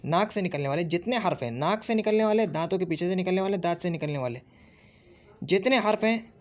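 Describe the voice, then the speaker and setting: Urdu-accented guy teaching arabic grammar, voice a bit high, keeps drilling each sound again and again. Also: expressive. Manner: repeats sounds slowly and drills each letter. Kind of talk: classroom-style grammar lesson.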